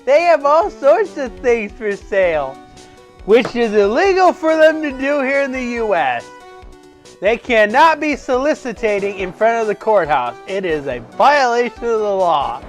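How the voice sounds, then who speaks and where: Guy doing a chatty excitable girl, bubbly, goes up and down a lot, slow. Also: extremely high pitch, faint music behind, voice pushed up, heavily acted. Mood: excited. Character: chatty, excitable young woman, gossipy.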